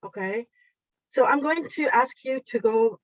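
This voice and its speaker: A woman with a highish voice speaks a little slowly in a dry recording. Her first language is Japanese, and she runs an online teacher workshop in a chatty, encouraging style, leading the audience step by step, heard through dull, lo-fi video call audio.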